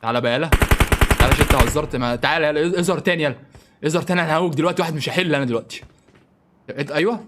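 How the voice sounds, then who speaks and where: A young man with an Egyptian Arabic accent gives live commentary on a mobile shooter game. He sounds excitable and panicky and keeps pleading with his teammates for help. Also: fairly high pitch, very fast, slight background noise. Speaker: gaming streamer.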